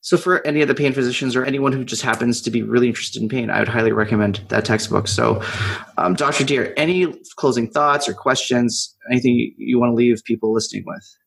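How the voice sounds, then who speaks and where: A man's voice: mid-range voice, fast talker, gravelly, husky. A man hosting a podcast interview, asking questions in a conversational way.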